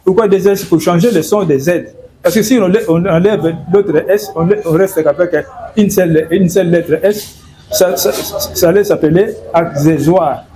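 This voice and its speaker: Hesitant man explaining, mellow voice. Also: sits high, normal speed, slight background noise. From Democratic Republic of the Congo. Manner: hesitant, repeats words and fillers. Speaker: guest. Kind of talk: explanatory interview talk.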